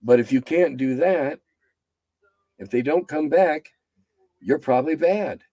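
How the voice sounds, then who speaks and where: A game designer in his seventies chats casually as an interview guest, blunt and rambling, dropping low and quiet as he winds down. He keeps a measured pace, and there is no room sound.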